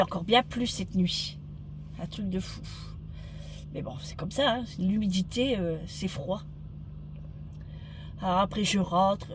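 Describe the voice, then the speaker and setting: A woman vlogging with a cough, chatting casually to viewers outdoors in the wind, with a northern French accent. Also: mid-range voice. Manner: chatty, lots of fillers and tag questions. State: sick with a cough. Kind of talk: casual chat to camera. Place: outdoors on a windy street. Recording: noisy outdoor street with passing traffic.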